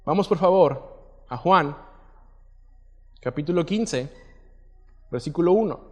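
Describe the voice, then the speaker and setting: A man's voice: on the high side, lively intonation, slow pace. A man preaching a sermon, reading scripture aloud with swelling emphasis and putting questions to the congregation. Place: church hall. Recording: reverberant church hall.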